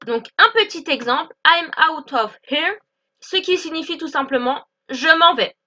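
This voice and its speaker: Woman teacher, high bright voice, clear explanations, slightly dull lo-fi audio. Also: animated. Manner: clear, explanatory, repeats example phrases slowly. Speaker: English teacher. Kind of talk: online language lesson.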